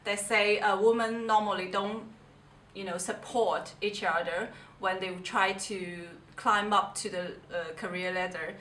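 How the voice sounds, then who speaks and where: A woman from China speaking earnestly in a documentary interview, halting now and then with fillers. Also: mid-range voice, steady tone, a bit bright, a little hiss or hum. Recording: echoey room, distant mic, music bed.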